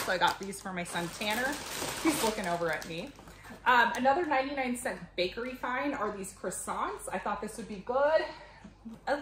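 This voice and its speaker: With a medium-pitched, fairly bright voice, a woman in her thirties casually walks viewers through her grocery haul in her home kitchen. The camera is a few feet away, and the audio picks up kitchen echo, background noise, clicks and rustling.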